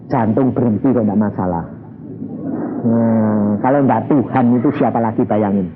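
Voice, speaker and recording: A man's voice: fairly low pitch, moderate pace, music in the background. A man preaching a sermon, telling stories animatedly and acting out dialogue with vocal sound effects. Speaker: evangelist preacher. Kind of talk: sermon with storytelling. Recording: slightly muffled, faint background noise.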